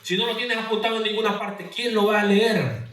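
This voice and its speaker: Man, pastor, sermon, call-and-response questions, high voice, distant roomy church sound. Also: fairly even intonation, brisk, a bit bright. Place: church hall. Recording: echoey church hall from far off.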